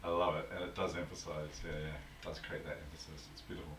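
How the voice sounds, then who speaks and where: A man's voice: very deep voice, level tone, quick pace, a bit bright. A man hosting an interview, affirming and curious as he asks questions, on a video call. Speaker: host. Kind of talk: interview conversation. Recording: distant roomy mic with faint noise.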